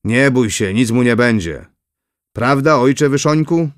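A man's voice: medium pitch, animated, measured pace, no room sound, studio quality, natural voice. A man doing a kindly fatherly old prince. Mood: benevolent. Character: older kindly prince, fatherly and gently teasing.

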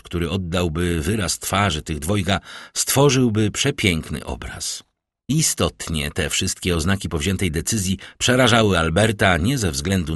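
A man narrates a classic novel in a measured, expressive reading. His voice is very deep. The recording is dry and close. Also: no room sound. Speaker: audiobook narrator. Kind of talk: literary audiobook reading.

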